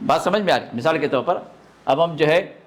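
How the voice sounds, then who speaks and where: High-voiced man teaching a recitation class. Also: expressive. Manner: demonstrates throat sounds, asks learners to confirm understanding. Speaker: religious teacher. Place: classroom with students.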